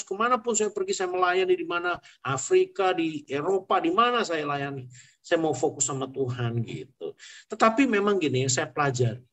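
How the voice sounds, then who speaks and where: Man, forties, pilot sharing testimony, earnest storytelling, somewhat high voice. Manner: earnest storytelling, mixing in English phrases. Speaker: airline pilot giving testimony. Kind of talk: personal testimony, conversational.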